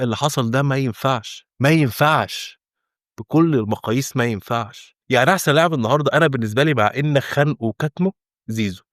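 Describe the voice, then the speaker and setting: A young Egyptian man rants at a breakneck clip as a football fan reacting to a match, exasperated and insistent. His voice sits at an ordinary middle pitch. The sound is dry and close, with no room around it. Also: dry recording. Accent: Egyptian Arabic. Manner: frustrated, exasperated, rapid and insistent. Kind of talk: heated fan reaction rant.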